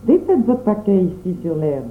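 A woman's voice: lowish voice, sing-song, normal speed, echoey room, a little hiss or hum, pitched below the performer's own voice. A woman reading aloud voices a stern, dignified old grandmother who speaks severely. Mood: commanding. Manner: severe, commanding. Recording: tinny phone-like sound.

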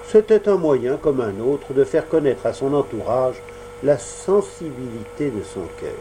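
Man, audiobook narrator, very slow pace, lively pitch, faint hum behind. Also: rough recording. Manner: measured, expressive storytelling. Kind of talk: scripted narration.

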